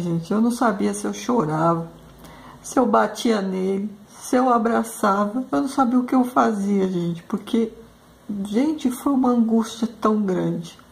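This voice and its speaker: A woman with a mid-range, gravelly voice hosts a craft channel, telling a story as she paints. She's emotional and exclamatory and keeps calling her viewers "gente."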